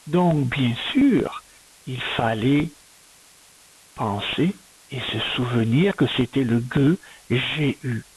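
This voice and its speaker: With a very deep, husky voice, a darkish tone, and lively intonation, a woman teaching in primary school sounds out words syllable by syllable for a young child. The recorded reading and spelling lesson is slow and patient, and the recording is rough.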